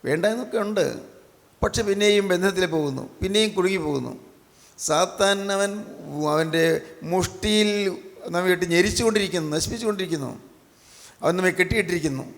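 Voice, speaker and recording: Male preacher, emphatic sermon, repetitive phrasing, gravelly voice, long hall reverb. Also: high voice, a little fast, pauses often. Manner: emphatic, repeats key phrases.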